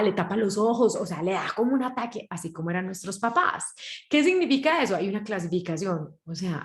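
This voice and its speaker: A woman with a Colombian Spanish accent gives a talk to parents and acts out the voices she quotes in a lively way. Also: medium pitch, reverberant. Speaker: parenting workshop speaker.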